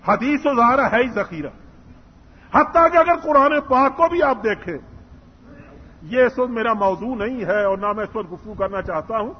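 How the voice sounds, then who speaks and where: A man's voice: extremely high pitch, expressive, slightly rough. A man giving a religious lecture, telling a story earnestly and acting out its dialogue. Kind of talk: Islamic lecture. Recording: muffled hall recording with long reverb.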